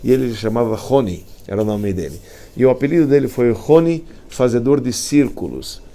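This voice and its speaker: A man's voice: medium pitch, fairly quick. A man, a rabbi telling a Talmud story in a casual, colloquial lesson. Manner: animated, colloquial, with slang and restarts. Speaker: rabbi teaching a class.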